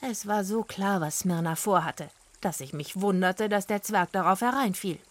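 Lady telling a kids story as the heroine, lively and plucky. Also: medium pitch, normal speed, no echo. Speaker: narrator and detective heroine. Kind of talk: first-person storybook narration.

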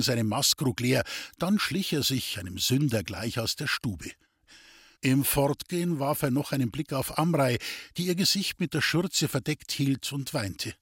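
A man reads a story aloud at an even, measured pace. His voice is slightly husky and mid-pitched. The sound is dry and close. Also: dry recording. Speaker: audiobook narrator. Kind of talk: scripted narration.

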